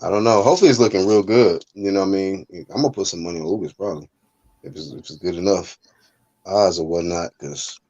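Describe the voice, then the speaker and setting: A man's voice: deep voice, fast talker, mellow, highs cut off. A man co-hosting a casual boxing chat, speaking in slang and offering confident fight predictions. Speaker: boxing podcast co-host.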